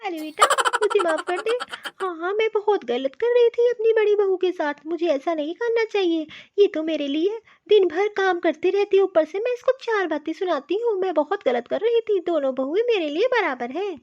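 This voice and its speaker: A woman's voice: very high-pitched, animated, moderate pace, few pauses, darkish tone, lo-fi sound. A woman doing a bossy old mother-in-law. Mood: apologetic. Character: bossy older mother-in-law, later contrite.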